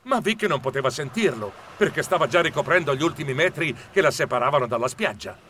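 A man narrating a children's book in a lively, theatrical way. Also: fairly high pitch, fast talker, a little hiss or hum. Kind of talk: expressive audiobook narration.

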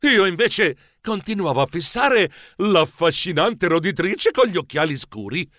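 A man reads a children's storybook aloud with an animated, expressive delivery. His bright, fairly high voice leaps up and down, and the sound is close and dry. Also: a little slow, no room sound. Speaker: audiobook narrator. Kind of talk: lively storybook narration.

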